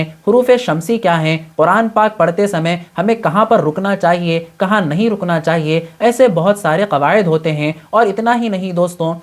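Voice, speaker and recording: A man teaching Quran reading with tajweed, explaining patiently step by step and mixing English words into his talk. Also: high-pitched. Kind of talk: tajweed lesson.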